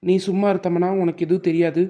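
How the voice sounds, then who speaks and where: A man voicing an elder brother in an animated family cartoon, speaking curtly and dismissively. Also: high-pitched, fast, heavy background noise, natural voice. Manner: curt, dismissive.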